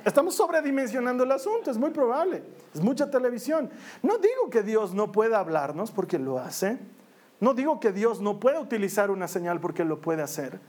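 Jokey priest preaching. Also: male voice, high-pitched, big pitch swings, brisk, darkish tone. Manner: conversational, humorous storytelling. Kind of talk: sermon.

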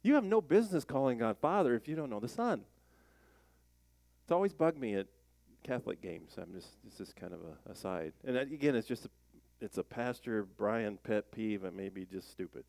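A man pastor giving a conversational sermon, plain-spoken and animated, asking the congregation questions as he reads scripture. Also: medium pitch, normal speed, creaky, dry recording.

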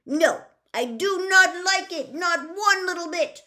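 A woman reading a storybook aloud, voicing a fussy male pet fish who scolds and frets in a high, loud, frantic voice. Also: expressive, slow pace, full character voice. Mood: scolding. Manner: shrill scolding, frantic alarm.

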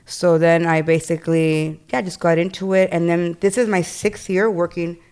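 A woman's voice: on the low side, little pitch movement, normal speed, a little mellow, clean tone. A young woman from Canada, a realtor and studio owner, chatting casually in an interview with plenty of "like" and "um" fillers.

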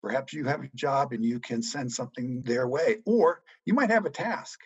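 A middle-aged man answering interview questions about money in a measured, reassuring way. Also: mid-range voice, breathy edge, no room sound, lo-fi sound. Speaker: guest economics journalist.

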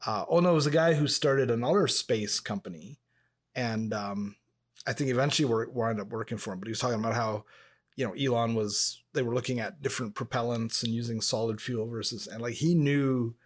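A man from Montreal talks in a casual podcast chat, rambling from one story to the next. He co-hosts the show with an easy, conversational manner. His voice sits at an ordinary middle pitch. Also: fairly quick. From Montreal, Canada. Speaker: podcast co-host.

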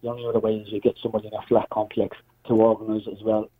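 Dublin fella on a tinny phone line, talks quick and flat, bit husky, casual explaining. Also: male voice, on the low side, no echo. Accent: Dublin Irish. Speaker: phone-in guest, community worker.

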